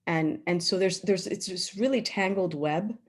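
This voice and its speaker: A woman's voice: on the low side, normal speed. A woman panelist on a video call, speaking reflectively and earnestly and checking in with "right?".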